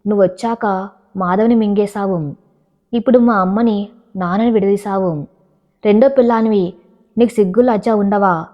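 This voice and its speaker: Woman doing a shrill grasping elder sister, accusing, lo-fi audio-book read. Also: moderate pace, long pauses, close to an everyday voice. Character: hot-tempered greedy elder sister. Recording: dull lo-fi recording.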